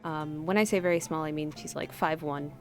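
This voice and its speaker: Gravelly-voiced woman running a tabletop game. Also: sits low, steady tone, a little fast, faint music behind. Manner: rambling, many fillers. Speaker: game master.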